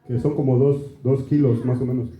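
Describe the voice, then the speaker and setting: At a moderate pace and medium pitch with little variation, a Mexican pastor with a Mexican Spanish accent preaches conversationally, often turning aside to the congregation with "¿verdad?" and "hermanos." The recording sounds dull and lo-fi, with room echo.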